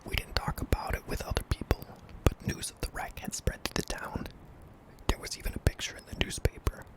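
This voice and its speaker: A man narrating a scary story in a hushed, breathy ASMR whisper, deliberate and broken into short phrases. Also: rough recording. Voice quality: breathy, mostly unvoiced whisper with some creak.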